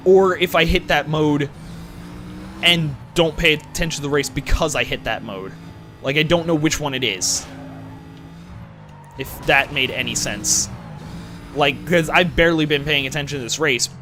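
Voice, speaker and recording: Young man, rambling gameplay commentary, bright tense tone, slightly high voice, game music faint behind. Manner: rambling, self-questioning, occasional swearing. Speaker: gaming channel host. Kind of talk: rambling let's-play commentary.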